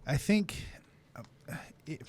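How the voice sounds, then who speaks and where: A man's voice: slow pace, background noise. A man co-hosting a soccer radio show, thinking aloud hesitantly with fillers in casual chat.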